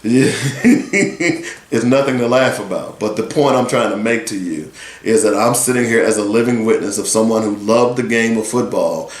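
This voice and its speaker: A man's voice: lowish voice, normal speed, reverberant. A man in his sixties talking earnestly as a sports radio host, rambling and conversational. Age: 60s. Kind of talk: solo talk radio commentary.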